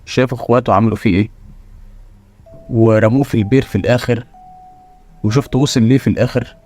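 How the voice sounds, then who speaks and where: Speaking quickly with a medium-pitched, darkish voice and fairly even intonation, a man with an Egyptian Arabic accent hosts a motivational channel. He addresses the viewer bluntly and preachily, firing off rhetorical questions.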